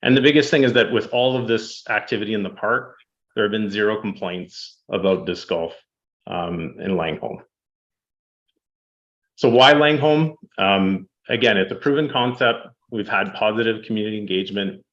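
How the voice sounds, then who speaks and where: A man presenting statistics to a city council, steady and fact-heavy, with frequent ums. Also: on the low side, normal speed, muffled recording. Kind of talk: public presentation. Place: council chamber.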